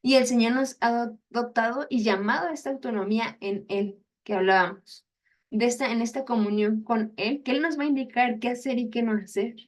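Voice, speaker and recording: A woman's voice: a little high, steady tone, brisk. Chatty young woman teaching. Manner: chatty, acts out inner voices, laughs at herself. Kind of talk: casual teaching talk.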